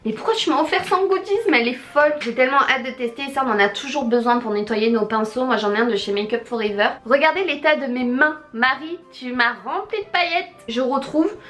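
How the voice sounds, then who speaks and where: Young woman unboxing presents, gushing and exclaiming, slightly high voice. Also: lively intonation, fairly quick, few pauses, fairly bright tone. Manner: gushing, exclamatory, talks to viewers and the giver. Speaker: beauty vlogger. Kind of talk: excited unboxing chat.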